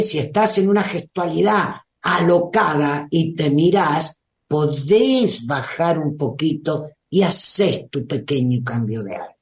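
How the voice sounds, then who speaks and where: A woman host with an Argentine accent giving a motivational talk to a live audience, unhurried and coaxing, often checking that she is understood. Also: deep voice, a little mellow. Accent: Argentine Spanish. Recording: roomy echo.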